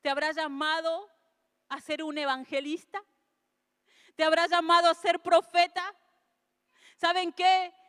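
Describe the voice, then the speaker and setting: A woman pastor preaches in a very high voice, her words ringing out in a long hall reverb. She talks earnestly and swells into fervent, emotional calls. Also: little pitch movement, measured pace, long pauses, a bit bright. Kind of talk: sermon.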